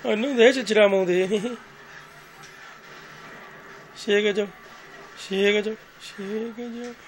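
A man's voice: high-pitched, steady tone, measured pace, rough recording. Playful dad filming his family on a phone. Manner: playful, chatty, doting on the dog. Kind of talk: casual home video narration. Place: family home indoors. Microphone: phone camera.

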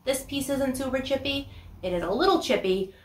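A woman's voice: sits high, brisk, echoey room. A woman in her thirties hosting a casual how-to vlog, chatting with ums as she works in a small indoor workshop and is picked up by a camera mic at a distance. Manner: chatty, explains while working, frequent ums. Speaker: furniture upcycling host.

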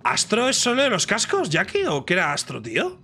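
Guy streaming, joking and swearing, bright sharp voice, pitch jumping around. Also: huge pitch swings, brisk, soft background music. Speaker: streamer touring a game server. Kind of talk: casual gaming chat.

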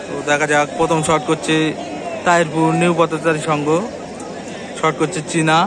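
A man giving live, excited football commentary, repeating team and player names. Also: on the high side, normal speed, background noise. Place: outdoor football ground. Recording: loud crowd and music behind.

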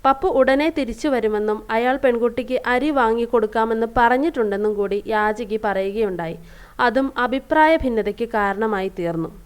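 A woman's voice: on the high side, clear, resonant tone. A woman teacher reading a story aloud and explaining it, asking rhetorical questions and glossing hard words. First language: Malayalam. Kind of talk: reading and explaining a school lesson.

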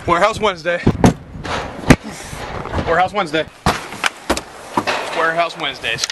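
Young guy yelling his catchphrase in silly voices by a warehouse, loud outdoor noise, camera mic. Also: a little high, normal speed. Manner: repeats a catchphrase in many playful voices. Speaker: vlogger. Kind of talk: comedic vlog skit.

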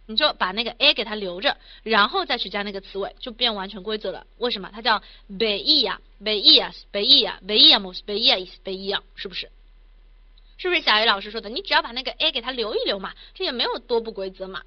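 A woman teaching a language lesson at a brisk clip, in a voice pitched a little high. She coaxes her students with rhetorical questions and chants verb endings in a stretched-out singsong. The audio is slightly dull and lo-fi. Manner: upbeat, coaxing, asks many rhetorical questions. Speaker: Spanish teacher.

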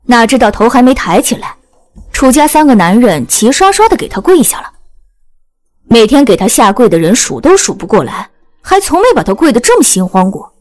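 Woman narrator for an audiobook, high-ish voice, very lively pitch. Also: brisk.

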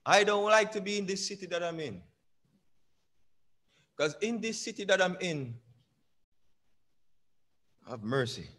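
A man's voice: high-pitched, expressive, fairly bright tone. A young man preaching a sermon from a church pulpit, drawing out key words and quizzing the congregation. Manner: call-and-response preaching, drawn-out emphatic lines, asks the congregation. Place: small church sanctuary at a pulpit. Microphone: pulpit microphone on a stand.

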